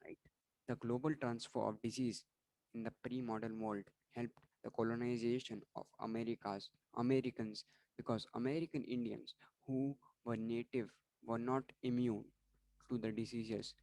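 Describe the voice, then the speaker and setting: A man's voice: mid-range voice, flat delivery, moderate pace, a little mellow, no echo, rough recording. A man going through exam questions and answers for students in an online revision lesson, often restarting words and apologizing for slips. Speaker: online tutor.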